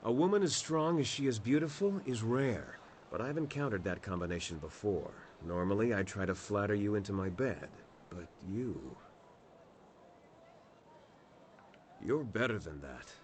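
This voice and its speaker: An actor playing a worldly male warrior companion in a video game, speaking in an earnest, measured, reflective way. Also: lowish voice, sing-song, a little hiss or hum. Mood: teasing. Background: loud game music.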